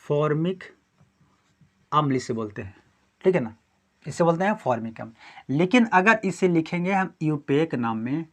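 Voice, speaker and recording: A man's voice: on the high side, expressive, normal speed, pauses often. A male chemistry teacher lecturing a class, who keeps asking questions and answering them himself and repeats the key terms again and again.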